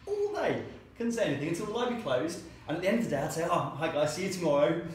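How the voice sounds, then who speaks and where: Rapid-fire and sing-song, on the high side, this man tells anecdotes in an interview as the founder of a co-working space, chatting and acting out what others said. A very echoey room and faint hiss come through on the recording.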